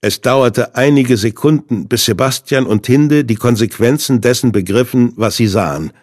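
Man, audiobook narrator, thriller, measured and suspenseful, husky voice, dry close recording. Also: medium pitch, a little mellow, no echo.

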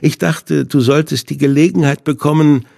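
A sneering, cold-blooded male captor who taunts his victim in a raised, strained tone, as a man reading a thriller puts him on. His voice is husky, and every word drips with slow mockery. The sound is dry and close, a storybook villain read aloud. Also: fairly high pitch, steady tone, a little mellow, no echo, voice pushed up. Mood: taunting. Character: mocking, menacing male knife-wielding captor.

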